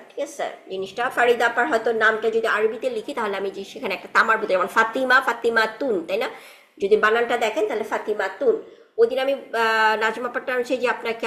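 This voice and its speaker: A woman's voice: on the high side, pushed and bright. A woman teaching an Arabic grammar class online, explaining step by step, asking students questions and mixing in English words. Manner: mixes English words into her talk; frequent tag questions and fillers.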